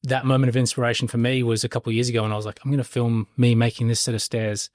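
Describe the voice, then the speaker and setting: A man's voice: mid-range voice, flat delivery, racing, darkish tone, no echo, studio quality. A man, a stonemason talking as a podcast guest in loose, rambling chat full of fillers and swearing. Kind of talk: casual conversation.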